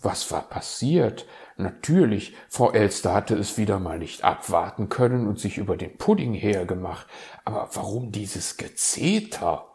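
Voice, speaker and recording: Low creaky guy reading a kids story, slow, lots of melody. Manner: expressive, lively telling.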